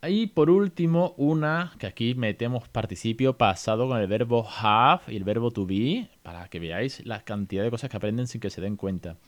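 A man with an accent from Spain hosting a casual podcast lesson for parents, chatty and animated, often tagging his sentences with little questions. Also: mid-range voice, normal speed, hardly any pauses. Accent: Spain Spanish. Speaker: podcast host teaching English to parents.

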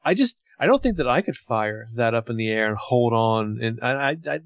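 Guy on a movie podcast, mid pitch, opinionated casual talk, dry close recording. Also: lively intonation, fairly quick, no room sound. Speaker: podcast co-host. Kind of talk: casual film discussion.

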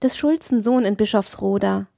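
A woman voicing a shy, wistful young peasant girl who speaks softly and bashfully, in a lifted voice. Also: medium pitch, normal speed, gravelly, no echo, studio quality, close to an everyday voice. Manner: soft, bashful, sighing.

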